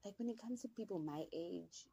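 A woman's voice: medium pitch, brisk, creaky, dark tone, breathy edge, no room sound, low-quality recording. A young woman from Zimbabwe hosting a podcast, telling a personal story in a candid, chatty way and speaking straight to her listeners. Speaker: podcast host. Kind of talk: casual storytelling.

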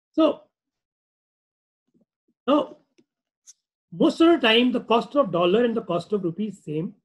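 A man with a very high voice and a North Indian accent presents an informal finance webinar, recorded with rough audio. His lecture is conversational and repetitive, full of rhetorical questions, and he acts out dialogue with clients.

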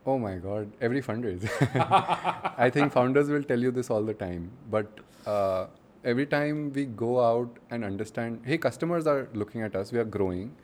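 A man's voice: mid-range voice, a little fast, a little mellow. A man with an Indian accent, a founder answering interview questions in a casual, conversational way. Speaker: startup founder, interview guest.

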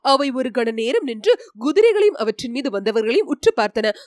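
High-voiced woman narrating a storybook. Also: sing-song, fairly quick, darkish tone, no room sound, clean studio sound. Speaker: audiobook narrator.

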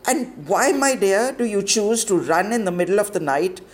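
A man's voice: sits high, moderate pace, pitched above the performer's own voice, close to an everyday voice. A man voicing a stern, cold middle-aged woman school warden with clipped, severe questioning.

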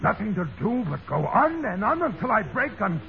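A woman's voice: mid-range voice, big pitch swings, moderate pace. A woman playing a frantic, desperate character near breaking in a melodramatic old radio drama. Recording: dull, noisy old radio recording.

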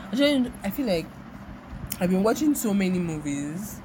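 Very animated at a normal speed, a young Nigerian woman with a mid-range voice and Nigerian accent rambles reflectively through a casual solo podcast monologue, often repeating herself. The background is noisy.

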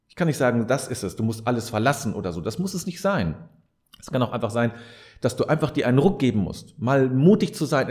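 A mellow, medium-pitched man hosts a podcast, offering reflective advice straight to the listener. His manner is earnest and sermon-like, and he repeats important phrases to stress them.

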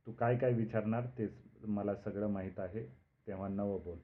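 A man's voice: fairly low pitch, fairly even intonation, moderate pace, natural voice. A man voicing the narrator's impulsive, carefree young friend, who answers in an offhand, evasive way. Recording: narrow phone-like band.

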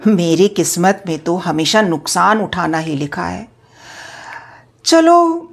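Woman voicing a stern scolding male employer. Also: mid-range voice. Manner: lecturing, nitpicking, rhetorical questions. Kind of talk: storytelling with acted dialogue.

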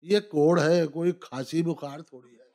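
High-pitched man reciting satirical verse. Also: steady tone, a little mellow, a little hiss or hum. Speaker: humorous Urdu poet performing at a poetry gathering. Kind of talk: live mushaira-style recitation of satirical verse, repeating lines.

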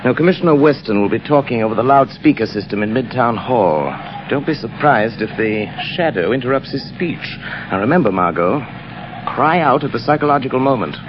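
Guy as calm bossy gentleman sleuth, 1930s radio drama, mid voice, muffled noisy recording. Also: medium pitch, lightly acted. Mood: confident, urgent. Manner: crisp, authoritative, measured. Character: commanding, composed gentleman crime-fighter giving orders.

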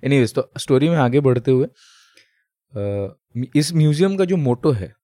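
A man's voice: medium pitch, expressive, a little slow, mellow, no echo, clean studio sound. A man co-hosting a casual podcast, explaining at length with many fillers and English phrases mixed in. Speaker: podcast co-host. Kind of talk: casual chat.

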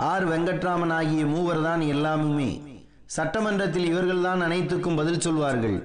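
A man with a slightly high voice narrates political history from a script. He serves as the reader of a written column. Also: reverberant.

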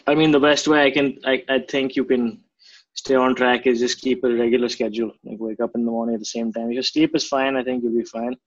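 A man's voice: medium pitch, steady tone, quick pace, no room sound. A man with an Indian accent, a coach answering interview questions in casual, blunt, slangy speech. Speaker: martial arts coach, interview guest. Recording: dry but slightly dull audio.

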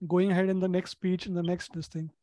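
A man's voice: sits high, flat delivery, fast, dark tone, no room sound. A man chatting casually as a speaker on a panel. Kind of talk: casual chat.

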